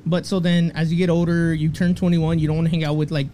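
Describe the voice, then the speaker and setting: A man's voice: fairly high pitch, flat delivery, fast talker, dark tone, slight background noise. A man in his twenties in casual chat among friends, rambling as he explains things at length. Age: 20s.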